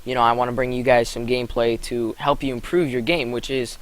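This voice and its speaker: A man's voice: medium pitch, level tone, a little fast, low-quality recording. A young man giving casual gameplay commentary, rambling with fillers and correcting himself as he goes. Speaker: gaming commentator.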